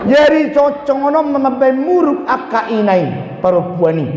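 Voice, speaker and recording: High-pitched Batak pastor preaching. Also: male voice, moderate pace, background noise. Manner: animated, asking the congregation questions. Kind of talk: sermon. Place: church. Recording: echoey church hall, dull lo-fi sound.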